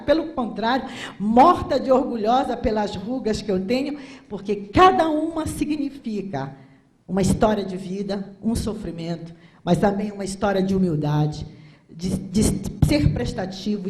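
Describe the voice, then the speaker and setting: An older Brazilian woman in her sixties gives a conference lecture, speaking with a Brazilian Portuguese accent and a fairly high yet mellow voice. She talks in an impassioned, rhetorical way and leans hard on emphasis. The sound echoes around a large hall. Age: 60s. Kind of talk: conference talk.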